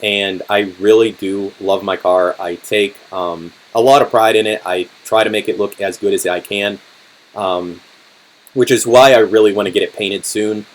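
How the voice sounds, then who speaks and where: A young man in his twenties hosting a casual live-stream Q&A, talking in a relaxed, rambling way with lots of ums and restarts, his voice going hoarse. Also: fairly low pitch, moderate pace, low-quality recording. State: voice getting hoarse. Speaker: car channel host.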